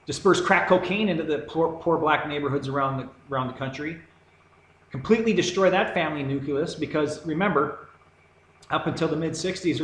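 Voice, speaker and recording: A man's voice: fairly high pitch, a bit bright. A man delivering a heated, rambling monologue to camera, sarcastic and insistent. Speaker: video commentator. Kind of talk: ranting monologue. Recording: echoey room with faint background noise.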